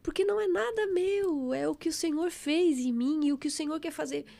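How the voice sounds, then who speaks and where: Fervent middle-aged woman, gravelly. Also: high-pitched, a little fast. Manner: fervent, expressive, exclaiming. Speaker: guest. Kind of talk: emotional faith testimony.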